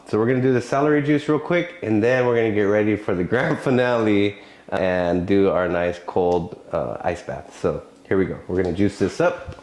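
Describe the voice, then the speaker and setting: A man's voice: on the low side, darkish tone, slight background noise, poor audio. A man giving earnest, encouraging talk in a motivational vlog. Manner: earnest and encouraging, with frequent laughs. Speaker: vlogger.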